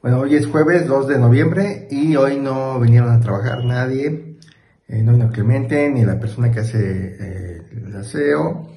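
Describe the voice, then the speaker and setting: A man co-hosting a family vlog, greeting viewers and explaining the day's plans in a relaxed, matter-of-fact way. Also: mid-range voice, measured pace. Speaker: co-host. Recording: echoey room with faint noise.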